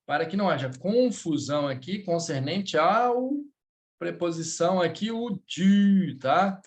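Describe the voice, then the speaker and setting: A Brazilian man leads a live French lesson while speaking Portuguese with a Brazilian accent, patiently repeating words and checking in with his students. His voice is high, expressive and unhurried.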